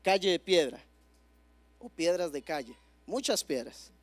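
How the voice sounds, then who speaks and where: A young man preaching a sermon, emphatic, swinging from near-shouts down to quiet, low lines. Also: sing-song, unhurried, no echo, soft background music.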